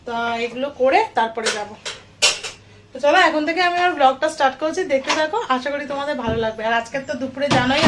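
A woman's voice: high voice, slight background noise. A young woman from West Bengal, a mother chatting casually to viewers from her home kitchen in a homely vlog. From West Bengal, India. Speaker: vlogger, mother.

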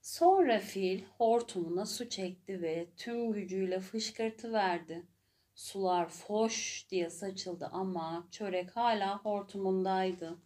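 A woman narrating a children's story in a slow, gentle and clear way. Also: medium pitch.

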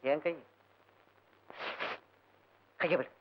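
A man's voice: extremely slow, slight background noise. An actor playing a young man coaxing and pleading with his tearful sweetheart in a film scene. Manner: coaxing, pleading, swings high and low. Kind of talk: Tamil film dialogue. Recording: dull lo-fi film audio with music.

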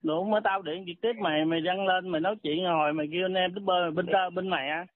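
Fast, threatening man on a phone call. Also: sits high, steady tone, no room sound. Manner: threatening, insulting, blunt. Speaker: caller. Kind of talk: heated phone argument. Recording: tinny phone line, dry.

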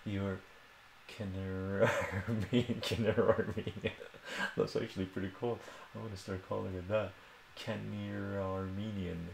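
A middle-aged Iranian math streamer gives a casual live lesson at a whiteboard in a small home room, chatty and repeating phrases, often tagging points with "right?". His fairly low voice is flat, measured and fry-tinged, in a reverberant space with slight background noise.

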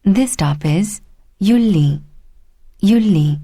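Woman giving an unhurried, formal subway stop announcement, mellow voice, dry close recording. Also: mid-range voice, lively intonation, husky, no room sound. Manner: slow, deliberate, formal. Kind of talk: prerecorded train station announcement.

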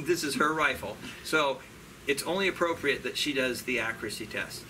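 A man hosting a casual airgun review at an outdoor range, chatty and relaxed with frequent fillers. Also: medium pitch, moderate pace, slight background noise, rough recording.

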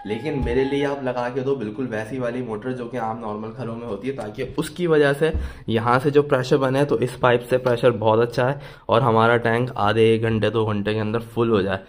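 A Pakistani man in his thirties talks a little fast at medium pitch with fairly even intonation, filming himself on a phone held at arm's length. In this indoor home vlog, moving through home rooms and a utility corner, he chats casually while working on a water pump, calling his viewers brothers.

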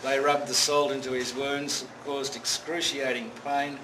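A man's voice: mid-range voice, level tone, unhurried. A man giving a dramatic guided tour of a prison and projecting his voice to the group. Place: echoey old stone prison. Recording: echoey, distant, noisy visitor camera.

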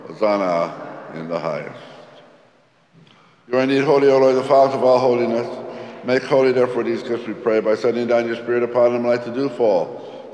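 A priest reciting the prayers of the Mass in a solemn, measured way, his voice carrying a cathedral echo. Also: mid-range voice, a little mellow. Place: large church. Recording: long echoey church reverb.

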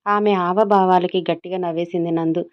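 Give me a woman narrating a romance story in a low voice, recorded tinny like a phone. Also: fairly even intonation, fairly quick.

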